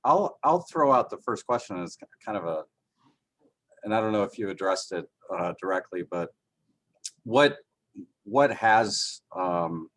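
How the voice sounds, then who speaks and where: Deep-voiced man, halting question, dry sound. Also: animated, a bit bright, no echo. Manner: halting, many fillers and restarts. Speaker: session moderator. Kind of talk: asking a question on a video call.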